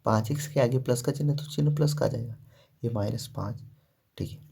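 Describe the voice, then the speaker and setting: A man's voice: mid-range voice, fairly quick, vocal fry, mellow, breathy edge. A man teaching a math lesson step by step, asking questions and answering them himself, with frequent "ठीक है" and "देखो".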